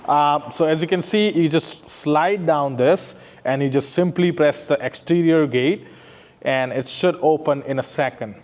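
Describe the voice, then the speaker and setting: A man with a fairly high-pitched, darkish voice speaks a little slowly. As an installer, he gives a casual, explanatory walkthrough around a residential building, starting in the lobby and ending in the parkade, checking in often with a tag "right?"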